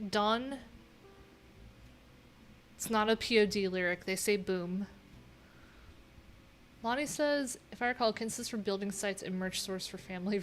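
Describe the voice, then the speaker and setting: Faint noise lingers behind a woman who hosts a live coding stream from a small room in her home. She's a web developer, and her average-pitched voice carries a wry, offhand, chatty quality as she thinks aloud and reads through what's on her screen.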